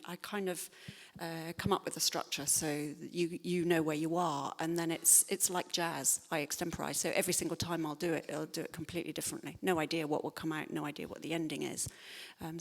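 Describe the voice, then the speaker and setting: In a spontaneous public Q&A in a large hall, a woman writer answers audience questions thoughtfully but hesitantly, with many fillers and restarts. She speaks in a lowish voice.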